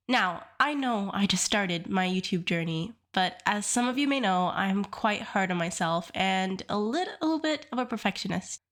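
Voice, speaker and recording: A young woman with a sick-sounding voice, narrating her art video in an earnest, upbeat voice-over. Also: medium pitch. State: sick, stuffy voice. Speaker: art YouTuber. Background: soft background music.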